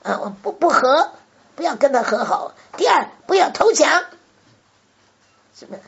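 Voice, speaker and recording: A woman's voice: sits high, sing-song, normal speed, creaky, a bit bright. A woman preaching a sermon and explaining scripture, who keeps asking her listeners rhetorical questions. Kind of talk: sermon, Bible exposition. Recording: dull lo-fi recording.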